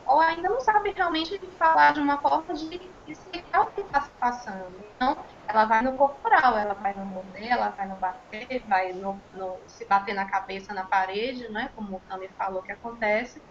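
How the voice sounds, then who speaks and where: A woman with a Brazilian Portuguese accent, a child and speech therapist, explaining on a panel in a measured way with frequent tag questions. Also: a little high. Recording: muffled, slightly noisy recording.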